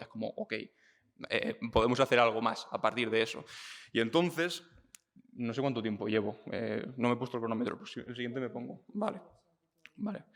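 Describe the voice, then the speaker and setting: A young man from Spain talking casually and thinking aloud, with fillers and restarts, slowing down to stress his points. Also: mid-range voice, a bit bright, long reverb tail. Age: young adult. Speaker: speaker on politics and identity. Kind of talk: casual talk.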